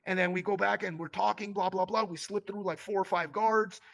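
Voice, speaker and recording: A man with a fairly high, gravelly voice speaks as a guest in an interview. He tells stories casually and animatedly, with plenty of fillers. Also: a little fast. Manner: animated, acts out quoted voices, lots of fillers. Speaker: company co-founder and CEO, interview guest.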